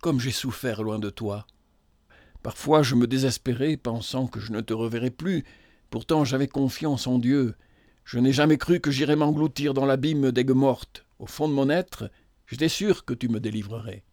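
A man voicing a tender young woman, frightened and pious, in a hushed, earnest way, reading a novel aloud. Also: mid-range voice, normal speed, no room sound, studio quality, close to an everyday voice. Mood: loving.

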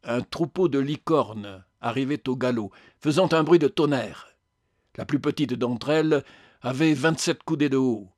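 A man reading a story aloud as narrator in a steady, measured way. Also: mid-range voice, no echo, studio quality. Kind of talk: audiobook narration.

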